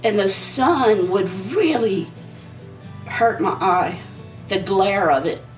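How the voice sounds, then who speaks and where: Applying her makeup as she goes, a woman in her forties gives a loose, chatty tutorial, speaking slowly and animatedly at a medium pitch. A sinus issue has left her slightly hoarse and losing her voice. Faint music plays in the background, and she's seated a little away from the microphone.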